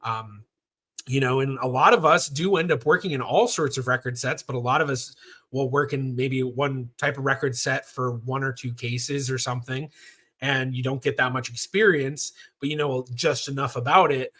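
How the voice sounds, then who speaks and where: Chatty bright-voiced man. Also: medium pitch, moderate pace. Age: 30s. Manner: chatty, rambling, with frequent fillers. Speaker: professional genealogist host. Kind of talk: casual livestream Q&A.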